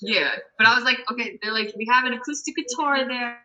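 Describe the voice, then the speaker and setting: Guest singer, young woman, bright and animated, full of quoted asides. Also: fairly high pitch, fairly quick, low-quality recording. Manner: animated, acts out quotes, many "I'm like". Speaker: guest musician, vocalist. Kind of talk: casual storytelling.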